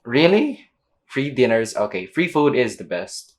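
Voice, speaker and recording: A woman with an extremely low, sing-song voice speaks a little slowly over game music. She's a gameplay streamer giving casual, slangy, teasing commentary and reading the dialogue aloud.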